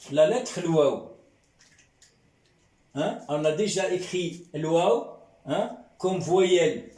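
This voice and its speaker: Slow, patient man teaching letters. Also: a little high, mellow, recorded from a distance. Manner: patient, repeats words, checks with "hein?" and "d'accord?". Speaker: Arabic literacy teacher. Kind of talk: slow classroom lesson. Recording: echoey room, voice off-mic.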